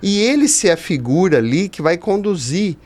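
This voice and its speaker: Here a Brazilian teacher and writer in his fifties talks as a guest on a podcast. He explains points emphatically and conversationally, with rhetorical asides along the way. His voice sits high and is a little mellow, with a sing-song lilt at a normal speed.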